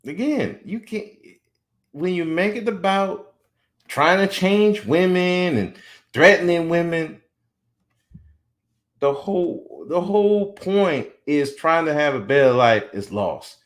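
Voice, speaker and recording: This fortysomething man hosts a podcast, talking slowly with a fairly high pitch. He's animated and blunt in his opinions, occasionally mocking the people he quotes.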